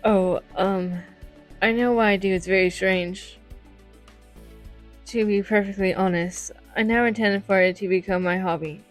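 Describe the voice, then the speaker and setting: A woman's voice: mid-range voice, steady tone, normal speed, faint music behind, natural voice. A woman voicing a shy, flustered, modest student in an anime fan dub, hesitant, apologetic and prone to stammering. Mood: shy, confiding.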